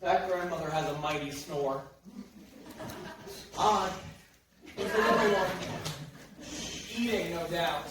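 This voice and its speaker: A woman's voice: fairly low pitch, takes it slowly, pauses often, background noise. A woman playing an earnest, plain-spoken male baker in a stage musical, with a matter-of-fact delivery. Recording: echoey stage from far off with live music.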